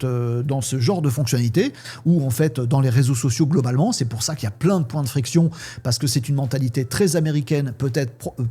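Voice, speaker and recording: A man hosting a casual tech news show, talking in a chatty, lively way with many fillers and asides to his viewers. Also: fairly high pitch, slightly rough.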